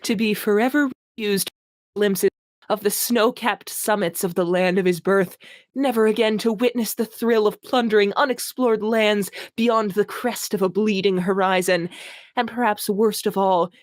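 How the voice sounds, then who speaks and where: A woman reads a comic aloud on an online call, amused and giggly, hamming it up and adding commentary along the way. She speaks at a moderate pace with medium pitch and fairly even intonation; the dry chat audio has no echo.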